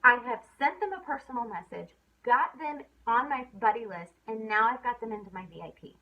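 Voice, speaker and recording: Young woman chatting thru a sales training, kinda high voice, lots of um and you know, dull lo-fi sound. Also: lively intonation, fairly quick. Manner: chatty, filler-heavy, acts out upbeat quoted messages. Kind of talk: casual training talk. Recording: dull lo-fi recording.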